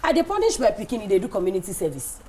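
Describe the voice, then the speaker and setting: A woman's voice: mid-range voice, sing-song, racing, warm tone. A Nigerian woman speaking as a radio panellist, debating in a mix of Pidgin and English. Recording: clear background noise.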